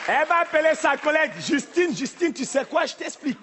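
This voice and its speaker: High-voiced man doing live stand-up. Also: animated, brisk. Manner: punchy, teasing delivery to the crowd. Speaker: stand-up comedian. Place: theater stage, live audience. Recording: live theater, audience and noise.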